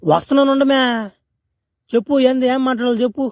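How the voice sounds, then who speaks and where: A man voicing a young village fisherman in a comic cartoon spoof, talking in a rapid, pleading, coaxing way. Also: a little mellow, no room sound, studio quality. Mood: impatient. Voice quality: high, squeaky cartoon man's voice. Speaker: fan cartoon voice actor.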